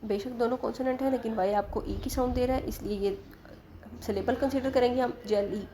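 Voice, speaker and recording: A woman with a slightly high, fairly even voice teaches English in Hindi at a fairly quick pace and with a warm tone. She spells out letters and sounds, patiently posing questions and answering them herself, using English terms within the Hindi explanation. There is slight background noise.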